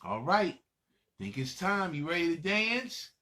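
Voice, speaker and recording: This children's show presenter has a voice on the high side, bright and forceful, unhurried and sing-song. As a storytime host leading kids through exercises, he encourages them playfully, repeating his lines in a lilting rhythm.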